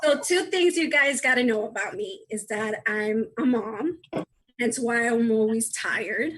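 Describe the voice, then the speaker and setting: A woman's voice: a little high, animated, measured pace, rough recording. A woman in her thirties doing a chatty, self-deprecating stand-up set over a video call. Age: 30s. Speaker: stand-up comedian.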